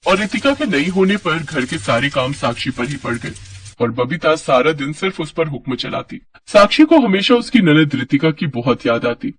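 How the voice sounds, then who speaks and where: Husky man narrating a story. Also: fairly high pitch, normal speed. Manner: steady storytelling.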